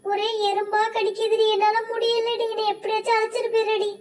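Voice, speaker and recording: Brief: complaining doll girl, voiced by a woman, shrill and very high, toy story. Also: level tone, fairly quick. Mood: whining. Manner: complaining, whining. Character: whiny young female doll bitten by ants.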